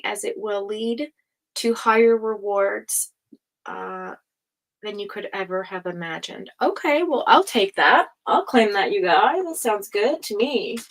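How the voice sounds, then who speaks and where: A tired woman with a mid-range voice hosts a casual tarot livestream, chatting with viewers and reading cards aloud. A sore jaw slurs her speech a little, and the recording is rough.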